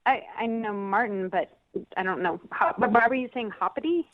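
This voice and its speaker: Hesitant woman on a tinny phone line. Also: mid-range voice. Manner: hesitant, halting. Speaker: caller on a radio call. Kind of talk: phone conversation.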